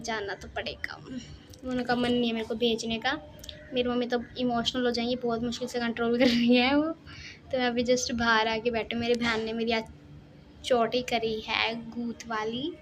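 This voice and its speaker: A woman's voice: on the high side, slight background noise. A young woman vlogging at her family home, chatting casually, teasing and laughing often. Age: young adult.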